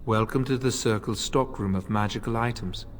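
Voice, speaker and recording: Male actor as monotone fantasy game clerk, formal, emotionless, long echoing hall, faint noise. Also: lowish voice, normal speed, close to an everyday voice. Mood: detached, formal. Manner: flat, sleep-inducing monotone, formal. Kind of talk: video game dialogue acting.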